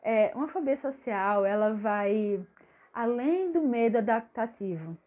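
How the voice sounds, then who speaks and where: Young female vlogger, casual and lively, higher voice, lo-fi phone-like audio. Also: unhurried. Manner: chatty, lively, addresses viewers directly. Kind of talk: casual chat to camera. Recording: tinny phone-like sound.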